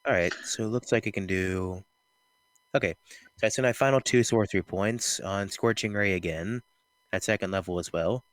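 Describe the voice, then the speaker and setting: A man's voice: fairly low pitch, normal speed, dry recording. A man chatting casually as a player in a tabletop game.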